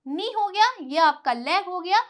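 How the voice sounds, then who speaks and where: A woman's voice: very high voice, expressive, measured pace. A woman teaching a vocabulary lesson, patiently explaining and drilling by asking her own questions and answering them. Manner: explains patiently, stressing pronunciation.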